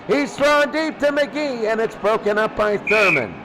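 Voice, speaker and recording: A radio announcer calls American football play-by-play in short, clipped, often repeated phrases, sounding animated and sharp at normal speed. The recording is noisy, with a rumble like a vehicle.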